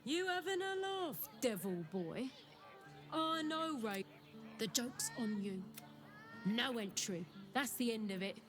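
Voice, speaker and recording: A woman's voice: a little high, expressive, slow, music in the background. A woman playing a cocky, mocking guard in a video game, with blunt, slangy taunts. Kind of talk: video game character acting.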